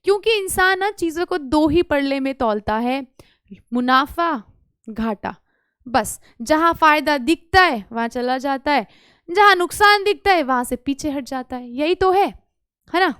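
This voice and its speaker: A woman teaching an English exam lesson online, mixing Hindi and English and coaxing students with quick questions. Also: high-pitched, animated, fairly bright tone, dry recording, clean studio sound.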